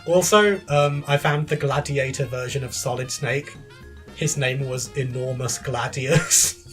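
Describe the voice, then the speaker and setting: A man's voice: medium pitch, unhurried, a bit bright, soft background music. A man co-hosting a podcast in casual chat about video games, chatty and laughing often between sentences. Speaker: podcast co-host.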